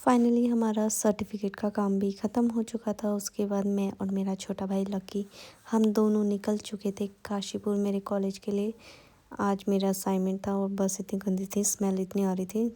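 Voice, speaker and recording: A young woman narrating her day in an even, storytelling voice-over for her vlog. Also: medium pitch, normal speed. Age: young adult.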